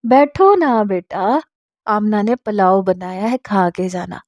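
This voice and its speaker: A woman voicing a fussing middle-aged mother who dotes on a visiting nephew and covers up with quick excuses, in a spoken story. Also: mid-range voice, mellow, dry recording, studio quality, lightly acted. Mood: doting.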